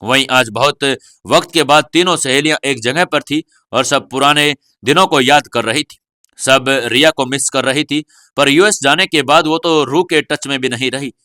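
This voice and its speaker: A man narrating a serialized audio novel in a steady storytelling manner. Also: medium pitch, normal speed, no room sound, studio quality. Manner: steady storytelling, voicing every character.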